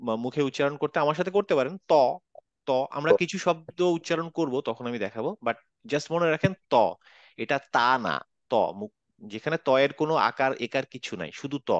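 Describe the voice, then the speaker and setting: A man's voice: a little high, a little fast, no room sound, dull audio. A man teaching Quran letter pronunciation in an online class, patiently saying each sound over and over. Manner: patient, demonstrates sounds by repeating them.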